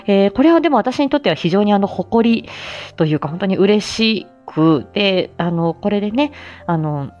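A woman hosting a casual solo audio stream speaks at normal speed in a medium-pitched, darkish voice, animated yet hesitant and self-mocking as she fumbles for words. The recording is muffled, and faint music sits behind her.

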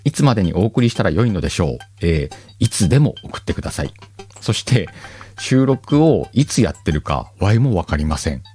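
In a low, warm voice with a breathy edge and big pitch swings, a man briskly reads listener letters aloud on his solo talk show. It's casual radio-style chat, chatty and self-deprecating with plenty of fillers, backed by faint music.

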